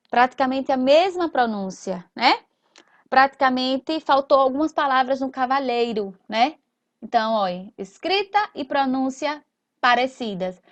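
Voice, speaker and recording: Slow, high-voiced woman teacher. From Sergipe, Brazil. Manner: slow, drawn-out and explanatory, with frequent tag questions. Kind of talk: recorded school lesson.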